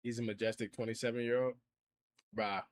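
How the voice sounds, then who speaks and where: A man's voice: mid-range voice, flat delivery, fairly quick. A man in his twenties, casually chatting on a livestream in heavy slang, reacting to and reading out viewer comments. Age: 20s. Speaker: streamer.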